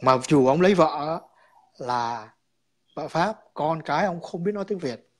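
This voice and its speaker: A man's voice: on the high side, expressive, normal speed. A man calling in to a chat, explaining his views in a rambling way, repeating words and slipping in English terms.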